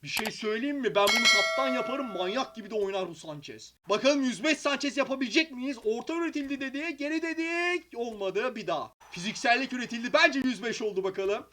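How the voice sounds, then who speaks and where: A man giving excitable live commentary on his own mobile football game, shouting player names when goals go in. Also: very high voice, quick pace, few pauses. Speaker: mobile football gaming YouTuber.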